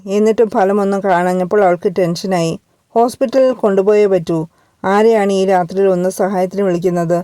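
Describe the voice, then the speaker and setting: Woman reading a love story out loud, warm dark voice, steady pace, dry close mic. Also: medium pitch, dry recording. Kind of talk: scripted narration.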